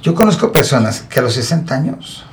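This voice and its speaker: A man's voice: a little high, big pitch swings, brisk, vocal fry. A man in his sixties with a Mexican accent, hosting a talk show and giving emphatic, preachy lifestyle advice. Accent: Mexican Spanish. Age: 60s. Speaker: radio show host. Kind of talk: casual advice chat.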